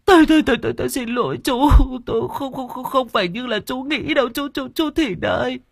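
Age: older. Figure: a sobbing old woman. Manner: stammering, high and shaky. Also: fast, vocal fry, no room sound, clean studio sound. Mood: wailing. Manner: stammering, wailing, pleading. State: crying. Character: guilt-ridden older woman, sobbing and begging. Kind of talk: audiobook character voice.

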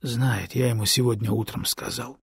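A man doing a dejected man in an audiobook, talking low and held back to an old friend. The voice is gravelly with vocal fry and very husky, close and dry. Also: steady tone, dry recording. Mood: subdued. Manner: low, subdued, measured. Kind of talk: audiobook character reading.

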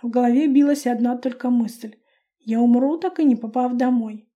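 A woman narrating a first-person fantasy audiobook with a lively, expressive reading. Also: fairly high pitch, moderate pace, highs cut off.

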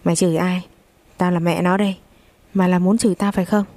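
A woman's voice: level tone, a little fast, mellow, no room sound, close to an everyday voice. A woman voicing a fierce, domineering older mother-in-law who scolds harshly in a story reading. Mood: scolding. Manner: scolding, shrill.

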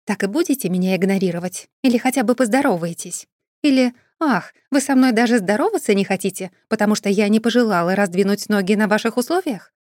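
A woman's voice: medium pitch, animated, normal speed, a little mellow, no room sound, studio quality, lightly acted. A woman reading an audiobook voices a cool-headed young businesswoman who speaks curtly and indignantly. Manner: curt and indignant, raised voice.

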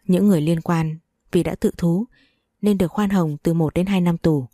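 A woman reads a long story aloud in a steady storytelling manner. Her voice is low and mellow, and the recording is dry and close. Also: normal speed, dry recording. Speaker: narrator. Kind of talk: audiobook story reading.

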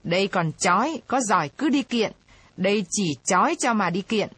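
A woman's voice: medium pitch, animated, normal speed, fairly bright tone, slightly rough, dry recording. A woman reading aloud, voicing a greedy, boastful male village chief who drawls his words. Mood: drawling.

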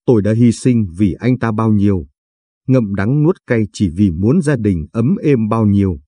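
A man's voice: fairly low pitch, moderate pace, dark tone, no echo. A man narrating a dramatic first-person audio story with emotional delivery.

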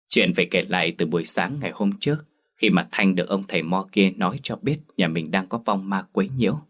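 Brief: male narrator, very low, husky, emotive ghost story reading. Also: fairly bright tone. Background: faint music.

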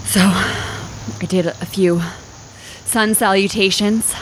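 A woman telling an improvised comic story in a halting, dramatic way, often repeating phrases. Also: mid-range voice, steady tone, a little hiss or hum, rough recording.

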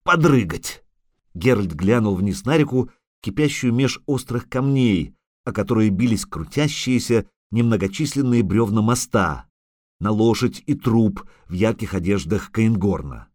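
A man narrating a fantasy audiobook in a dramatic, expressive manner. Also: lowish voice, normal speed, dry recording, clean studio sound.

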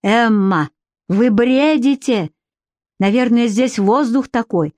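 A woman's voice: fairly high pitch, slow pace, darkish tone, dry recording, clean studio sound. A woman reading the part of an irritable, stubborn middle-aged man in an audiobook, curt and exasperated. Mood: irritated.

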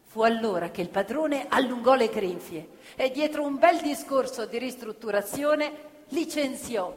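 On a theatre stage, a woman narrator tells the story of a play about factory workers with passion, now and then breaking into song. Her voice sits on the high side, expressive and at normal speed, and the live show recording carries long reverb and music.

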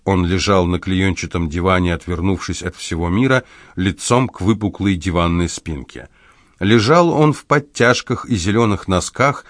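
A man reading an audiobook in a measured, even delivery. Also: lowish voice, dry recording, clean studio sound. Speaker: audiobook narrator. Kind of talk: scripted audiobook narration.

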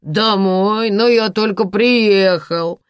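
In a dry, studio-quality audiobook recording, a woman with a fairly low, sing-song voice takes her time as she plays a drunken, boastful ruined man. She slurs his words theatrically and loudly, sounding drunk and mocking.

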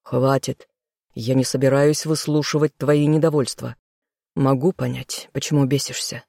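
An audiobook reader voicing a weary, stern king who speaks calmly and condescendingly. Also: mid-range voice, moderate pace, vocal fry, no echo, clean studio sound. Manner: calm, condescending, firm. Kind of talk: audiobook role reading.

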